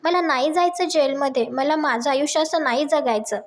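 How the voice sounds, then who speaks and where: A woman reading out the lines of a bitter, scheming woman who faces jail and swears revenge, in a plain high recap voice. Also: moderate pace, close to an everyday voice.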